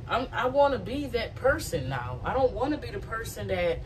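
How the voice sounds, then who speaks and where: Woman, thirties, musing aloud in her kitchen, a bit high, a bit off-mic. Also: big pitch swings, normal speed, far from the mic, noisy background. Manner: loose, rambling, reflective. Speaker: vlogger. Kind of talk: casual chat to camera while cooking. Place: small home kitchen. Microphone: phone camera propped on counter.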